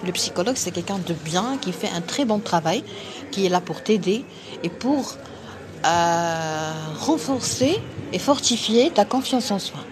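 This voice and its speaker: A woman's voice: medium pitch, lively intonation, measured pace, a crowd in the background. Emphatic Moroccan woman on a live stream. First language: Arabic. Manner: emphatic, forceful, repetitive. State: a bit tired. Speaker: doctor hosting a live stream. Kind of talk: live-stream talk to viewers.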